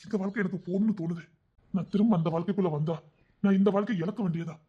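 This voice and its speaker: A man doing a soft, pleading gang king. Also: high voice, steady tone, very fast, breathy edge, voice pushed down. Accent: Tirunelveli Tamil. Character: gang king longing for family, pleading and tender. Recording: dull lo-fi recording.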